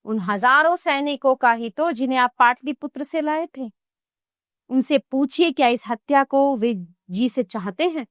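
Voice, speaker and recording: A woman's voice: sits high, a little slow, no echo, clean studio sound. A woman voicing a compassionate woman singer who earnestly pleads with an emperor to give up killing. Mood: pleading.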